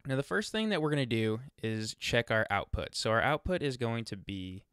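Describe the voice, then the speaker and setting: A male tutorial presenter records a casual screen walkthrough of software, thinking aloud as he demonstrates in an informal, chatty manner. His mid-range voice is animated, clear, resonant, and a bit bright, at normal speed. A close USB microphone gives a dry sound with no room presence.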